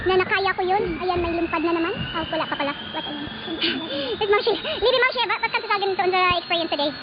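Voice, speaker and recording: A woman's voice: very high voice, fast talker, dull audio, heavy background noise. A woman with a Filipino accent chatting casually for her vlog at an outdoor zipline park, giggly and mixing Tagalog with English. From Philippines. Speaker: vlogger.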